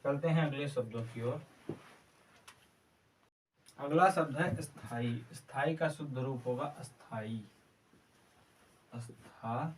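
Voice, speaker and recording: A man teaching an exam-prep Hindi class, slowly repeating each word several times in a spelling drill. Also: mid-range voice. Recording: distant mic with faint background noise.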